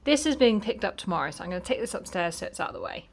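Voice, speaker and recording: A woman's voice: medium pitch, animated, racing, low-quality recording. A woman chatting practically through a DIY vlog as she works on her garden deck, with self-deprecating asides. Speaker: DIY vlogger. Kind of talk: casual vlog narration while working.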